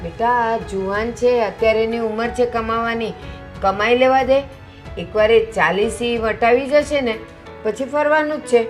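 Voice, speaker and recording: A middle-aged woman playing a calm mother who lectures her daughter, in a short film with soft music behind. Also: fairly high pitch, unhurried, close to an everyday voice. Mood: lecturing.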